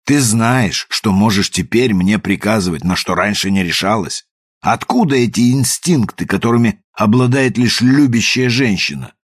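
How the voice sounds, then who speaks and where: Чтец в роли измученного страстью мужчины, хрипловатый голос, литературное чтение. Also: male voice, medium pitch, husky. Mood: bitter, feverish. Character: feverish man, tormented and obsessed with love.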